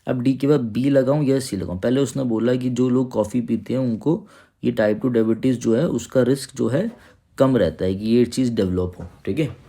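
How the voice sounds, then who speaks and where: Teaching English grammar for exam preparation, this man has a medium-pitched voice with a dark tone. His explanations are patient, he repeatedly checks comprehension with "ठीक है?", and he reads the English sentences out slowly and with care.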